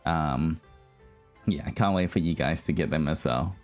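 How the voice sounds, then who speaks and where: A male livestream host and virtual streamer chats casually and rambles to his viewers, calling them guys, while background music plays. His voice is extremely low in pitch and a little mellow, and he speaks at a moderate pace.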